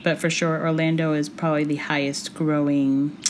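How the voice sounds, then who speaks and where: A Puerto Rican-born woman in her forties, whose first language is Spanish, is a guest on a podcast interview. Her low voice has a flat delivery, and she often pauses with thoughtful ums and soft laughs. A faint room hum runs underneath.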